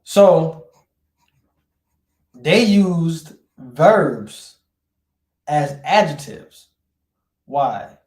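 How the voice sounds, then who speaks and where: A man's voice: a little high, expressive, very slow, pauses often, a little mellow. A man teaching a casual classroom lesson in a conversational way, often asking rhetorical questions. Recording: roomy echo.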